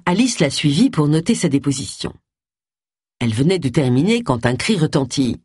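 Expressive audiobook narrator, husky voice. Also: mid-range voice, normal speed, no room sound, clean studio sound. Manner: expressive storytelling. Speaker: audiobook reader. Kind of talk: scripted narration.

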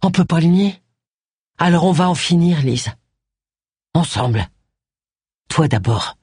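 Reader doing a desperate trapped guy with a gun, stammery, grim, low voice. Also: animated, unhurried, darkish tone, slightly rough, dry recording, clean studio sound. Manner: stammering, despairing. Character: desperate cornered male killer with a gun.

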